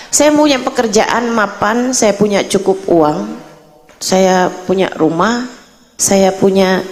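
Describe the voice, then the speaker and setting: A woman's voice: mid-range voice, a little mellow, long reverb tail. A woman preacher telling a story in a sermon and quoting the people in it with feeling. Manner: emotional retelling, quoting others' words. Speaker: Islamic preacher.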